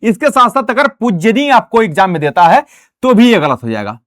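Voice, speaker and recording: A man's voice: high-pitched, big pitch swings, brisk, fairly bright tone, no echo, clean studio sound. A man with a Bihari accent teaching an exam-prep spelling lesson, explaining each point by speaking to his students.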